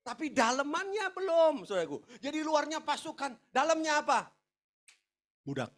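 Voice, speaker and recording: A high-pitched male pastor preaching. He is animated and jokey, swinging from loud punchlines down to low, quiet asides. He acts out characters' voices as he goes. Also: moderate pace. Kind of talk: humorous sermon.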